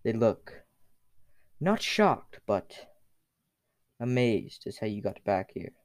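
A man's voice: fairly low pitch, sing-song, slow, no room sound. A man telling a second-person story in a casual, unscripted way, with fillers.

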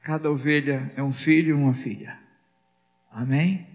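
A man's voice: a little high, fairly even intonation, moderate pace, in a large hall, faint music behind. A man preaching as a pastor, asking the congregation rhetorical questions and acting out little dialogues. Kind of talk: sermon.

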